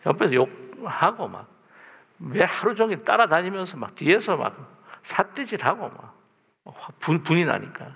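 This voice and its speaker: A male pastor giving a lively, conversational sermon from the pulpit, often turning to ask the congregation questions. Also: fairly high pitch, moderate pace, vocal fry, breathy edge. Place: church sanctuary, at the pulpit. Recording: long church reverb.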